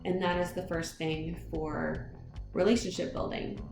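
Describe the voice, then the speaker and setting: Woman, high school English teacher, direct advice talk, lowish voice, roomy echo, music behind. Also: fairly even intonation, a little slow. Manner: earnest, direct, addresses the listener as a fellow teacher. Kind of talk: classroom management advice talk. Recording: echoey room with music playing underneath.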